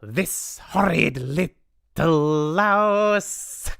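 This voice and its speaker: A woman voicing a shrieking, imperious old witch leader in a storybook reading, with a shrill, hissing, theatrical delivery. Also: expressive, very slow, gravelly, no echo, clean studio sound, exaggerated voice. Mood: shrieking triumph.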